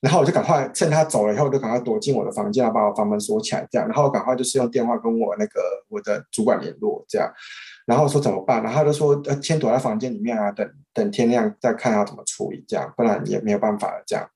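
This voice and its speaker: A man's voice: on the low side, racing, darkish tone. A young man with a Taiwanese Mandarin accent, a podcast guest telling a story casually, rambling with many restarts. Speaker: podcast guest, former French interpreter.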